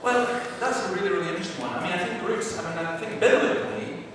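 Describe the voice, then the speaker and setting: Man speaker at a seminar Q&A, animated storyteller, captured from far off in a booming hall with background noise. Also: fast. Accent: Scottish. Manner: animated storyteller, acts out shouting quotes. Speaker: speaker answering questions at a church seminar. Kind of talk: lively anecdotal Q&A talk. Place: large echoey hall. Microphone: far camera microphone. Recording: echoey hall from far off, noisy.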